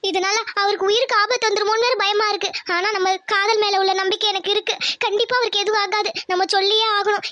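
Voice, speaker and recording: A woman voicing a worried young village woman in a cartoon, soft and pleading. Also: very high voice, no echo, clean studio sound.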